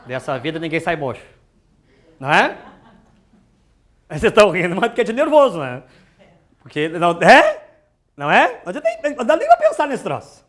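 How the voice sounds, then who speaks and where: A teacher giving an exam-prep grammar lesson, chatty and full of joking asides and rhetorical questions. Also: mid-range voice.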